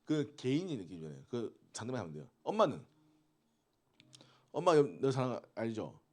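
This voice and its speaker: A man's voice: mid-range voice, very animated, normal speed, a little mellow. A man preaching to teenagers in a conversational way, often asking them questions and waiting for replies. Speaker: youth pastor. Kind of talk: interactive youth sermon.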